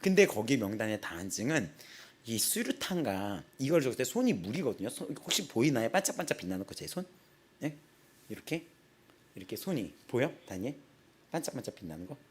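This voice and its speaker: Animated, husky-voiced young male pastor. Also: medium pitch, a little fast. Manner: animated storytelling, acts out quotes, laughs often. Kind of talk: casual sermon with personal stories. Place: small church.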